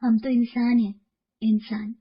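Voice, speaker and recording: A woman voicing a loving, devoted young wife who speaks earnestly in an animated storybook. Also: on the high side, unhurried, slightly rough, muffled recording. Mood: passionate. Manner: earnest, pleading.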